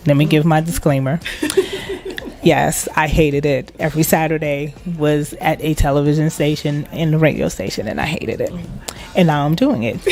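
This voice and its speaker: A Liberian woman who manages an internet radio station joins a casual interview as a guest. Her voice is low-pitched and a little mellow, and she speaks proudly and with emphasis, laughing often.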